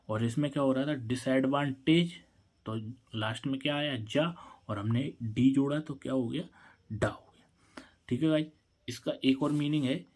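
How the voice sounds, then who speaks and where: Spelling each word out letter by letter, a man teaches an English spelling lesson in classroom style, asking questions and answering them himself. His mid-range voice is a little mellow.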